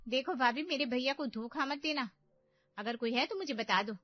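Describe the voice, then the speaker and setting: A woman's voice: sits high, moderate pace, dull audio, voice pushed up, natural voice. A woman voicing a sly young married daughter who needles her sister-in-law with insinuations.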